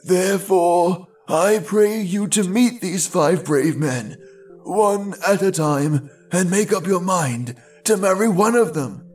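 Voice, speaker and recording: An old foster father past seventy pleads gently and earnestly, as a male narrator puts him on, his voice raised high and drawn out slow. Soft music drifts faintly underneath the storybook reading. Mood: earnest pleading. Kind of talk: storybook read-aloud.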